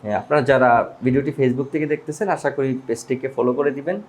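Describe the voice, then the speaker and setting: A man's voice: medium pitch, fairly even intonation, fast talker. A man with a Bengali accent teaching English pronunciation, repeating each word and explaining it step by step. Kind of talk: spoken language lesson.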